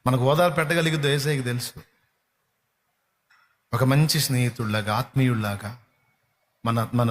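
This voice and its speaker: A man's voice: medium pitch, a little hiss or hum. A man preaching a sermon, impassioned, with many repeated phrases and rhetorical questions to the listeners.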